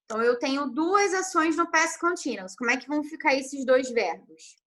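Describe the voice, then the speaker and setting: A woman's voice: high-pitched, animated, normal speed, fairly bright tone, rough recording. A woman, tutoring English over a video call, patient and humming "tananã" to mark blanks. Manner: patient, fills blanks with sung "tananã", spells letters. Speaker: English teacher. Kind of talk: online class tutoring.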